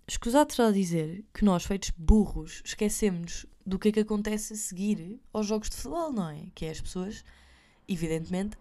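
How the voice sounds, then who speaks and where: A woman's voice: mid-range voice, dark tone. A young woman with a European Portuguese accent telling a story to her viewers in a chatty, self-mocking way, slipping in English phrases. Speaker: vlogger.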